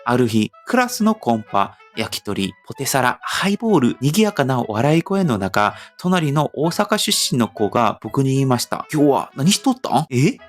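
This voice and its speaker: Animated young man narrating. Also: mid-range voice, normal speed, hardly any pauses, faint music behind. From Seoul, South Korea. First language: Korean. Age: young adult. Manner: animated storytelling, rhetorical lists. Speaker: vlogger. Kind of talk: scripted narration.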